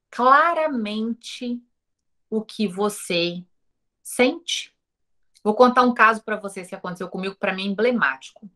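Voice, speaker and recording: A woman with a Brazilian accent gives a casual recorded lesson in a rather high voice. She puts rhetorical questions to her viewers and acts out the lines of people in her own stories. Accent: Brazilian Portuguese. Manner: lively, talks straight to the viewers with rhetorical questions. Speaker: teacher of an online course.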